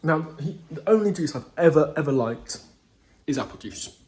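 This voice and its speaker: A man in his 20s vlogs casually at his grandparents' house and garden, chatting into a handheld phone, rambling and restarting his sentences. His fairly high voice is expressive and a little mellow at a normal speed, with slight background noise.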